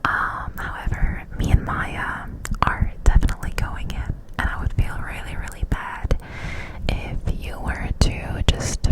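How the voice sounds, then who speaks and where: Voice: a little slow, rough recording. A person telling a casual story in an ASMR ramble, in a close-up cupped-hand whisper right at the mic. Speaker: ASMR creator.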